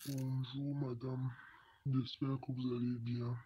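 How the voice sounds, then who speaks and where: A young man in his late teens, his voice altered by a voice changer, reading a personal testimony in a halting way. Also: medium pitch, dull audio, slight background noise. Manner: slow, flat, halting delivery. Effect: voice changer disguising the voice.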